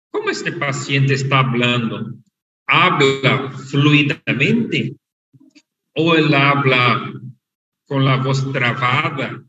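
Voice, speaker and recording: A man teaching an online medical class, his voice bright and a little strained, heard from a distance in a roomy space. He talks slowly and explains patiently, repeating each key term. The sound is muffled and lo-fi, with faint noise underneath. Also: mid-range voice. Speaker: lecturer. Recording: echoey, dull, far from the mic over an unstable online connection.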